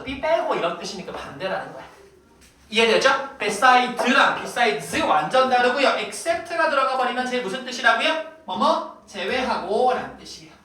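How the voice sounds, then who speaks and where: An English teacher with a pushed, bright mid-range voice gives a playful, teasing vocabulary lesson in a classroom, quizzing students along the way. The room is very echoey, and the voice is far from the mic.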